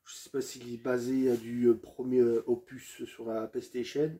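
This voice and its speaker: A man walks through his video game collection, talking casually and haltingly, with lots of fillers and restarts as he turns to his viewers as friends. His voice sits in a middle pitch with a mellow, darker tone. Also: level tone.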